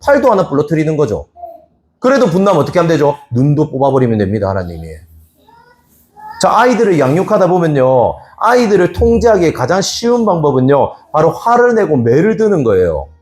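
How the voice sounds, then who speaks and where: A man's voice: on the high side, big pitch swings, fairly quick, a little mellow. A male pastor preaching a Sunday sermon, asking the congregation questions and acting out God's scolding voice.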